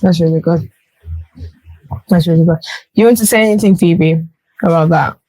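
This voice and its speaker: A woman's voice: on the low side, moderate pace, dark tone, no echo, low-quality recording. A woman hosting a podcast conversation, speaking thoughtfully and earnestly with frequent restarts. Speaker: podcast host. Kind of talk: reflective conversational chat.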